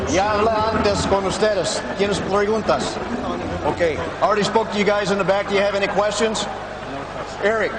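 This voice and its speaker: High-voiced male referee in an echoey arena. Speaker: boxing referee. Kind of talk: giving pre-fight instructions, switching between Spanish and English. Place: boxing ring in large arena. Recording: echoey arena, clearly noisy.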